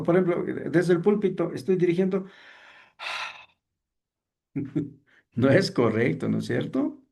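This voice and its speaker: A man's voice: mid-range voice, gravelly, mellow. A man teaching an evening seminary class, talking conversationally, asking the students rhetorical questions and acting out sample greetings from the pulpit. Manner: acts out sample preacher greetings to show mistakes.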